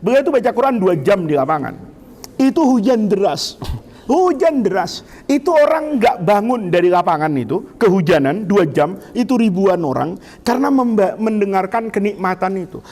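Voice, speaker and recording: A middle-aged Indonesian man giving an Islamic lecture to students in a lively, teasing way, asking them questions. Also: sits high, moderate pace. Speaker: Islamic teacher. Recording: long hall reverb.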